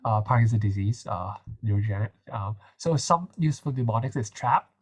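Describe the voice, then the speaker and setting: A man's voice: fairly low pitch, animated, fairly quick, breathy edge. Young man tutoring with a nasal voice. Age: young adult. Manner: chatty, hesitant, many fillers. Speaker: medical student tutor. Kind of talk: casual revision session walkthrough.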